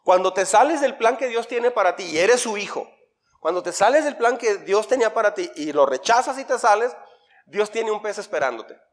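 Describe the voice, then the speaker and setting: A male pastor, giving an interactive Bible teaching sermon. He quizzes the congregation and answers his own questions, swinging between loud stresses and quiet asides. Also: high-pitched, animated, normal speed. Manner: asks the congregation questions and answers them himself.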